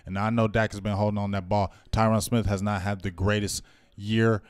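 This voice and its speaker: A man's voice: fairly quick, smooth, dry recording. A man in his forties hosting a live game watch party, chatting casually and breaking into laughs and whoops. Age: 40s. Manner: animated, laughing, bursts into high whoops. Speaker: show host.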